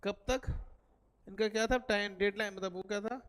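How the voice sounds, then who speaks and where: In a coaching classroom, a male teacher delivers an English lecture, repeating key figures and posing questions he then answers himself. His voice sits high and fairly bright, with fairly even intonation and a moderate pace, and a long hall reverb follows it.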